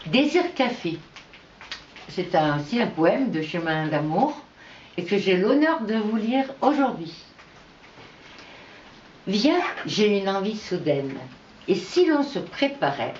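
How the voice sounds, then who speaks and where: A woman reading her own poetry aloud in an unhurried, measured recitation with pauses between verses. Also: mid-range voice, lively intonation, darkish tone, a little hiss or hum. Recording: echoey, dull lo-fi room recording.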